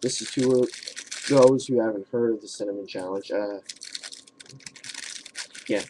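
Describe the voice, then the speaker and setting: A teenage boy chatting casually to a webcam at home in a hesitant, halting way. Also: lowish voice, steady tone. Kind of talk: casual vlog chat. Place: room at home, indoors. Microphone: webcam at arm's length. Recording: faint noise and clicks, webcam audio.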